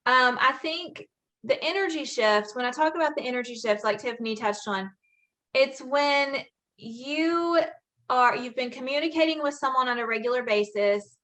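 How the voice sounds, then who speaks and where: A woman's voice: high voice, moderate pace, sharp tone. A woman author hosting a casual panel chat on a video call, talking earnestly with lots of fillers. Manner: earnest, chatty, full of fillers. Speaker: author hosting a book talk.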